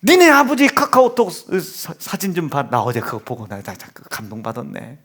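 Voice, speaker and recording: A middle-aged male pastor preaches in a church sanctuary. His voice sits high and swings widely in pitch as he tells stories and acts out his family. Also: moderate pace. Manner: animated storytelling, mimics family members. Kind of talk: sermon.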